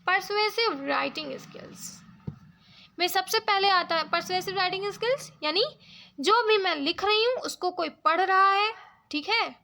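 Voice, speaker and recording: Woman tutor, very high, gravelly voice; patient step-by-step lecture delivery. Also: normal speed, pushed and bright. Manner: explains step by step, checks in with "ठीक है?". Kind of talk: Hindi-English exam lecture.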